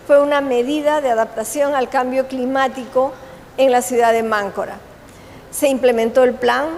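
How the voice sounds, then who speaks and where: A woman with a fairly high voice speaks at a conference, explaining steadily and pausing to correct herself. Her voice carries a long hall reverb, with faint ambience behind it. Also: darkish tone, a little hiss or hum. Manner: measured, explanatory, with pauses and self-corrections. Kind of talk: conference presentation and Q&A answer.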